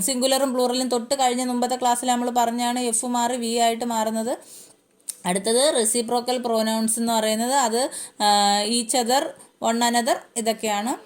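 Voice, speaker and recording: A woman's voice: a little high, darkish tone. A woman with a Malayali accent teaching English grammar in a casual spoken lesson, going through terms one by one and repeating them as she explains.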